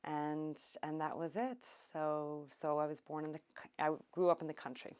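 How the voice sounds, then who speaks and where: Brief: woman from Ireland, middle-aged, low voice, unhurried, thoughtful interview answers. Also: flat delivery, darkish tone, clean tone. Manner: unhurried, thoughtful, with many ums. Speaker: oral history interviewee. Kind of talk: reminiscing interview.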